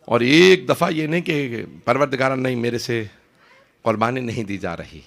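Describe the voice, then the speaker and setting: A man's voice: mid-range voice, creaky, a bit bright. A man preaching an impassioned mourning sermon, dramatic and emotional, swearing oaths and rising to cries.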